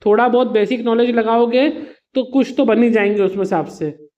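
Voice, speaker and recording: A man's voice: extremely high pitch, normal speed, a little mellow, muffled recording. A man teaching an exam revision lesson to students. He explains patiently with simple examples, calls his students "beta" and slips English words into his explanations.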